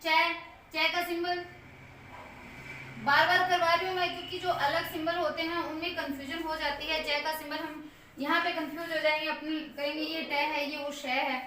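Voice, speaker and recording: A woman teaching English pronunciation in Hindi, repeating each word slowly as a drill. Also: sits high, flat delivery, bright, forceful tone, slight background noise. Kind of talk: Hindi-language pronunciation lesson. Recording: echoey room from a distance.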